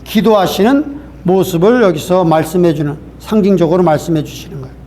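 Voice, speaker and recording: A man's voice: high-pitched, a little fast, warm tone, slight background noise. A male pastor delivering a Sunday sermon, telling a story earnestly and asking the congregation rhetorical questions.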